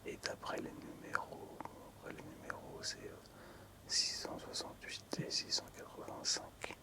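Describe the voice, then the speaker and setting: Whispering the entire time, a man presents collectible cards to his audience in a gentle ASMR video. His short phrases come unhurried and tentative, separated by pauses.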